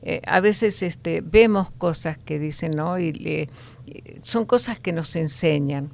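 Older woman, low voice, very gravelly, measured explanatory advice talk host. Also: a little mellow. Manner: measured, explanatory, many fillers.

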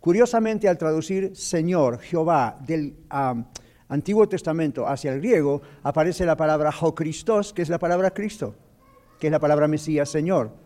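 Radio host, male, mellow and dark-toned, teaching scripture in an explanatory, preaching manner. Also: on the high side, moderate pace. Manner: explanatory, preacherly, mixes English words. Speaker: radio show host, doctor. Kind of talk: radio talk on Bible teaching.

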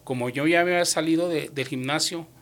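Male testimony guest, slightly higher pitch, lively storyteller who acts out the quotes, mixes in English words. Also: fairly quick. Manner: animated, acts out dialogue in his retelling; drops English words into his Spanish. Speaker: guest giving a faith testimony.

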